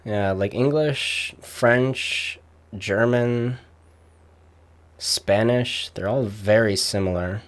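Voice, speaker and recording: A young man chatting casually, rambling with many fillers and pauses. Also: on the low side. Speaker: streamer. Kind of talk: casual chat.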